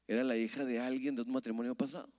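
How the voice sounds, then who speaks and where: A man's voice: medium pitch, little pitch movement, quick pace, a little mellow, long reverb tail. A man preaching a sermon and telling stories, often checking with his listeners by asking "¿verdad?". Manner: storytelling, keeps asking "¿verdad?" of the congregation. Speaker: pastor.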